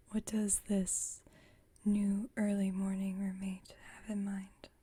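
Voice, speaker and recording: In an ASMR roleplay, a woman plays a female vampire roommate who is centuries old, calm, and dryly witty. She speaks at medium pitch in a soft, breathy whisper, her phrasing gentle and a bit formal.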